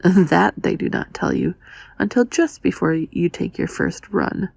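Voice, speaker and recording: A woman voicing an urgent, cynical young man in an audiobook, breathy and hushed, reading under her breath. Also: fairly low pitch, animated, a little slow, no echo, clean studio sound, heavily acted. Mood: grim, urgent. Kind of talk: quiet ASMR audiobook dialogue.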